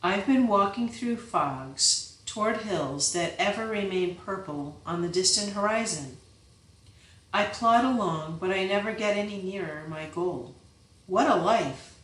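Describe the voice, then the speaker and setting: A woman's voice: medium pitch, a little slow, fairly bright tone, recorded from a distance, natural voice. A woman narrator voicing an earnest, frustrated young male monk who speaks intensely and broodingly. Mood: weary. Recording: roomy, voice set back from the mic.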